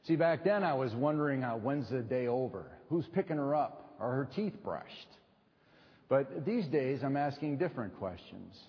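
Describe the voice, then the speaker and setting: A middle-aged American man preaching a sermon at a pulpit microphone, in a measured delivery with deliberate pauses and rhetorical repetition. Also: mid-range voice, animated. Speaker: pastor preaching to a congregation. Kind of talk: sermon with personal storytelling. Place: large echoing church hall. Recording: dull sound in a reverberant hall.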